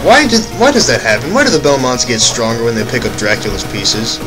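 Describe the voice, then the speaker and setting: This young man's medium-pitched voice moves fairly quickly with lively intonation as he gives loose, rambling commentary on his own gameplay, self-correcting mid-sentence and making offhand asides. He's a let's play commentator, and game music sits loud behind him.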